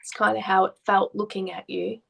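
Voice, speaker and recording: A woman art therapist gently asking questions and explaining what a client's drawings mean. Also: mid-range voice, flat delivery, moderate pace, creaky, a crowd in the background, rough recording. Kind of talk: therapy session conversation.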